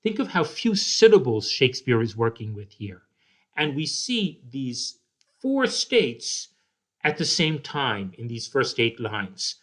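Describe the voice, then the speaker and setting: A male teacher lectures on poetry at a slow, measured pace, stopping often to ask "okay?" as he walks through examples. His voice sits at an ordinary middle pitch. He restarts phrases now and then with a soft "uh". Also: big pitch swings. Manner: slow, deliberate explaining with frequent "okay?" check-ins; restarts with filler "uh". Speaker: literature teacher.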